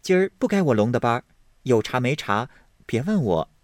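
Male reader voicing young maidservant, eager and deferential, raised lively pitch, dry booth. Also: normal speed, dry recording. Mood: retorting. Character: quick clever young maidservant.

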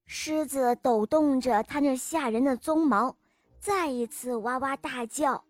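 High-voiced woman reading a kids story. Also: a little slow, no room sound. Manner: lively, expressive reading. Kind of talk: children's story narration.

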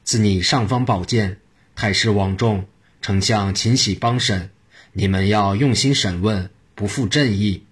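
A man's voice: on the low side, breathy edge. A man voicing an emperor issuing formal decrees in a told story. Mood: solemn. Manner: formal and measured. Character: emperor giving solemn orders.

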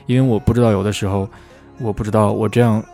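A man hosting a podcast who explains English pronunciation in a relaxed, chatty, rambling way. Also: on the low side, fast, gravelly, soft background music. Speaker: English teacher, podcast host.

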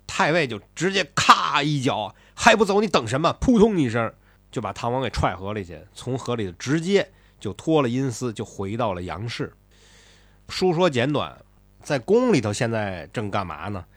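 A male storyteller who retells a classic tale in an animated, chatty way. His pitch leaps and dips constantly, and he breaks off for asides. The recording is dry and close. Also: no room sound. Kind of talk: colloquial storytelling of a classic novel.

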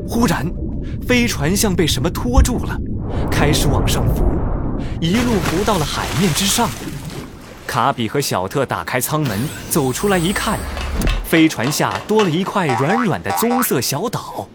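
A man narrates a children's story dramatically. His voice sits fairly high and swings widely in pitch, with music playing behind him. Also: big pitch swings, moderate pace.

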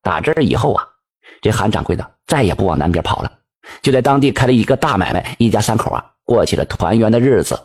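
A man, telling a folk tale in lively colloquial speech. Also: on the low side, fast, slightly rough. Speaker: storyteller.

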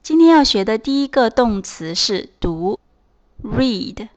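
Slow, patient woman teaching. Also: on the high side, big pitch swings, lo-fi sound. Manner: patient, spells words and repeats example phrases slowly. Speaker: English teacher. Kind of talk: slow scripted language lesson.

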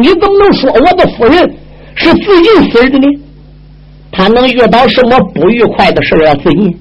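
A man's voice: very high-pitched, slightly rough, pitched above the performer's own voice, exaggerated voice, low-quality recording. A male storyteller voicing an indignant, scheming court official who protests his innocence. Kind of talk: traditional storytelling, acted dialogue.

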